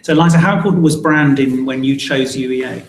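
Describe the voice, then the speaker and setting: A man's voice: medium pitch, a little fast. A man hosting a live webinar panel discussion. He often stumbles and repeats words as he starts a thought. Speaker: webinar host. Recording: echoey room, faint noise.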